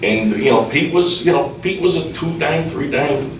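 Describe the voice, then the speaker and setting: A man chats casually as an interview guest, halting and often repeating himself. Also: a little high, over music. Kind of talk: casual reminiscing interview chat. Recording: roomy, distant mic with clear background noise.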